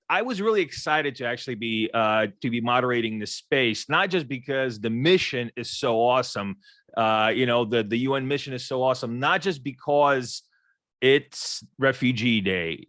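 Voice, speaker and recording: A man's voice: medium pitch, a bit bright, no echo. A middle-aged man from Ukraine moderating a casual panel chat, joking and stumbling over repeated words.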